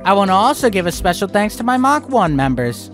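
A man's voice: sits high, very animated, brisk, fairly bright tone, soft background music. Sarcastic young man ranting in a review. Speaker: video critic host.

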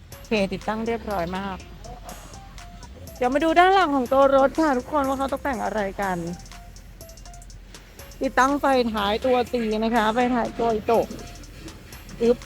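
A woman gives an enthusiastic, chatty walkaround of a customized truck at an outdoor workshop. Her speech is polite throughout. Faint music plays underneath her voice. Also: on the high side. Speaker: presenter for a truck body workshop channel. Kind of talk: walkaround vehicle showcase.

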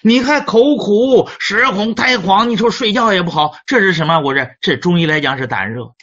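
During a lecture, a middle-aged Chinese medicine teacher relates a clinic story at a moderate pace, his high voice a bit bright. He frequently repeats himself and restarts words, all on a dull lo-fi recording.

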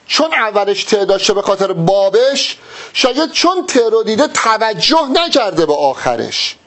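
Male teacher, exam-prep classroom lesson, lively high voice, explains step by step. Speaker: Arabic teacher.

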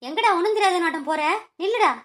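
Woman doing a sharp, short-tempered scolding mother. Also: very high voice, fast, pitched below the performer's own voice. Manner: scolding, shouting at the children. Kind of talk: cartoon voice-over.

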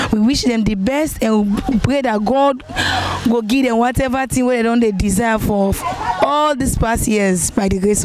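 A young woman with a Sierra Leonean Krio accent answers outdoors as a parent, her voice dark and mellow. She speaks in prayerful phrases into a held mic, with a faint hum behind her. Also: medium pitch. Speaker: parent being interviewed. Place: outdoors on a street. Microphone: handheld mic held by interviewer.

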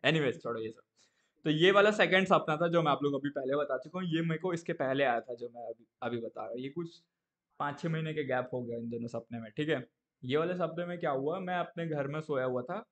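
A young man with a slightly high voice chats casually to his live-stream audience from a home setup. He tells stories in an animated way and keeps turning to his viewers to check they are following.

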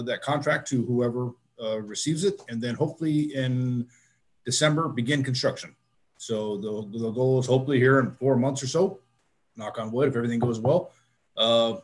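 A man reporting to a city committee as police chief, plain and direct with many fillers. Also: medium pitch. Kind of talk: spoken report at a public meeting. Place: council chamber.

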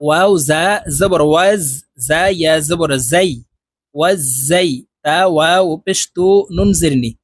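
A man teaching Quran reading, spelling out syllables letter by letter and drawing out the joined words in a slow, deliberate drill. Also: fairly high pitch, no room sound. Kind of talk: spelling out Arabic syllables slowly, then chanting the words.

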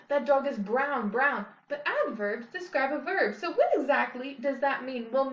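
A young woman teacher talks slowly and clearly to young children, her voice sitting a little high. She cheerfully leads them through a chant. The room is echoey and the audio a bit dull. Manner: slow, clear and cheerful, leading a sing-along dance chant. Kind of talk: teaching children a grammar lesson.

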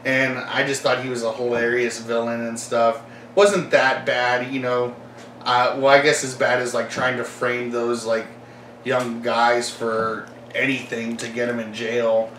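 Young adult man, casual filler-heavy vlog ramble; bright, tense voice, roomy echo, a little far from the mic, faint room hiss. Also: medium pitch. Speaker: collector vlogger.

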